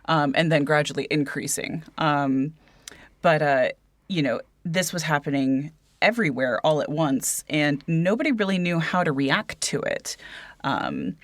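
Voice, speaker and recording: A woman's voice: sits low, animated, a little slow, no echo. A woman co-hosting a casual book podcast, talking hesitantly with lots of fillers and restarts. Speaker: podcast co-host.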